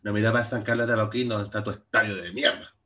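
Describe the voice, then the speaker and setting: A man's voice: on the low side, fairly even intonation, fast, pushed and bright. A young man with a Chilean Spanish accent, co-hosting a podcast in casual banter, teasing and swearing. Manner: teasing, profane, laughing. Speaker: podcast co-host.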